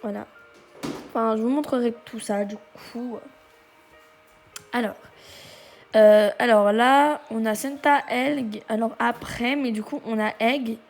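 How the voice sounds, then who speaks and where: Woman gamer, unhurried, gravelly, halting casual commentary. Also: on the high side, steady tone, faint music behind. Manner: chatty, exclaims at discoveries; halting, many hesitations. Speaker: gaming video creator.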